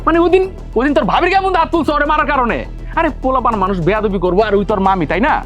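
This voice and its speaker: A man's voice: very high voice, racing, a bit bright, faint music behind. A man playing a harsh, angry elder son. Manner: scolding, quarrelsome. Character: harsh hot-tempered man scolding his mother. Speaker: elder son in a family drama. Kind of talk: television drama acting.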